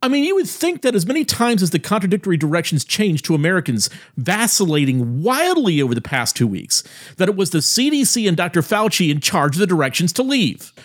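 Male opinion host, accusing and indignant, slightly high husky voice. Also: sing-song. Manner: indignant, accusing, slows to punctuate. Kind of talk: opinion commentary.

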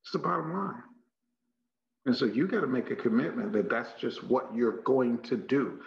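Male motivational trainer, Texas accent, heavy vocal fry, emphatic and folksy delivery, muffled recording. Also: medium pitch, expressive, moderate pace. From Texas, United States. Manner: emphatic, folksy, repeats phrases for effect, rhetorical questions. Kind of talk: motivational leadership training talk. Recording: muffled, echoey room recording.

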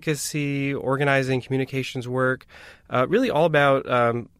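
A man's voice: mid-range voice, fairly quick, smooth, no room sound, studio quality. Easygoing male researcher guest. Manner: relaxed, easygoing, with many fillers. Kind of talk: interview.

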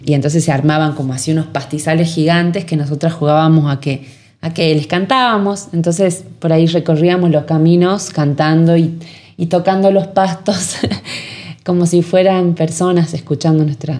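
A woman's voice: deep voice, fairly even intonation, moderate pace, darkish tone. A woman from Jujuy with a northern Argentine accent, a musician giving thoughtful interview answers and often searching for words. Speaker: musician guest.

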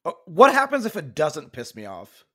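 A man's voice: a little high, huge pitch swings, normal speed, a bit bright, breathy edge. A man hosting a casual sports podcast, talking in a rambling, self-correcting way while losing his voice. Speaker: podcast host.

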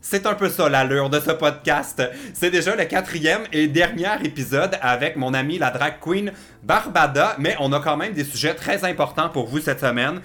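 A man with a Quebec French accent hosting a casual podcast chat, playful and quick to laugh. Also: a little high, sharp tone. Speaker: podcast host.

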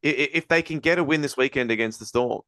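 A man hosting a casual sports podcast, breaking down games in a rapid, rambling analytical way with many restarts. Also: medium pitch, bright, forceful tone, no echo, clean studio sound. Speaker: podcast host.

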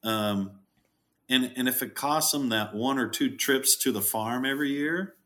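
A middle-aged man, a farm owner, chatting as a podcast guest in a jokey, animated way and acting out quotes. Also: a little slow. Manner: jokey, animated, acts out quotes with big pitch jumps. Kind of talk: casual interview chat.

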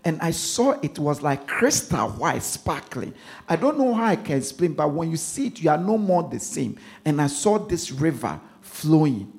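Ghanaian pastor guy preaching, kinda high voice, goes up and down a lot, repeats stuff, quiet then loud. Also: sing-song, normal speed, vocal fry. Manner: preaching with repetition, swinging from hushed asides to loud emphasis. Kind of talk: sermon.

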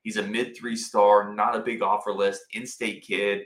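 A man with a lowish, forceful voice hosts a casual sports show from inside a wooden cabin. He talks informally and with enthusiasm, and the room adds clear echo around his words. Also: little pitch movement, moderate pace. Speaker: sports podcast host. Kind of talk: casual sports commentary to live viewers. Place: indoors in a cabin. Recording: roomy indoor cabin echo.

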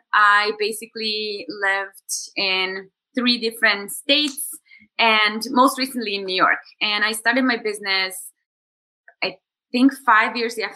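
On poor audio, a Bulgarian coach in her thirties reflects on her story as a podcast guest. Her voice is on the high side with a sharp tone, and her speech is full of fillers and restarts.

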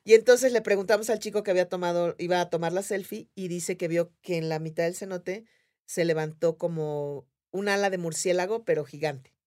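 A woman with a Mexican accent tells a story in relaxed conversation. Her voice sits a little low for a woman. She jumps into the voices of the people in the story as she goes. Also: a little fast. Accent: Mexican Spanish. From Mérida, Mexico. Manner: animated, acts out voices of others in her story. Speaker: podcast guest. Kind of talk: casual storytelling.

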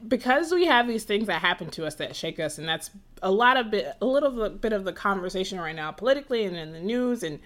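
A woman's voice: medium pitch, sing-song, fast talker, hardly any pauses, a bit bright. A young woman from Atlanta hosting a podcast, talking in a rambling casual way with restarts. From Atlanta, USA. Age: young adult. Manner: rambling, frequent restarts and laughs. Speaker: podcast host. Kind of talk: casual conversation.

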